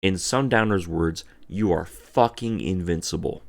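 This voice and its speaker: A man's voice: deep voice, measured pace, creaky. A drunk man giving a casual, profane video game review, emphatic and theatrical, drawing out words and repeating phrases.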